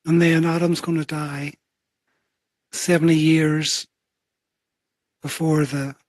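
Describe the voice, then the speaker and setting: A man's voice: on the high side, little pitch movement, takes it slowly, a little mellow, no echo. A man taking part in a Bible study discussion, offering tentative, hedged observations.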